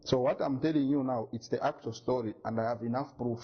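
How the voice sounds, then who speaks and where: A man's voice: medium pitch, steady tone, brisk, muffled recording. A man giving an interview, insistent and indignant as he talks through his evidence. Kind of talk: press interview.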